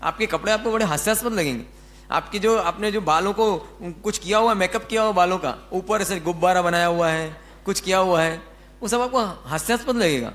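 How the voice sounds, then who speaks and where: Male spiritual teacher, high-pitched, chatty sermon style, acts out everyday quotes. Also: fairly quick, a bit bright. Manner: asks the audience questions and answers them himself. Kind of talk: Jain religious discourse.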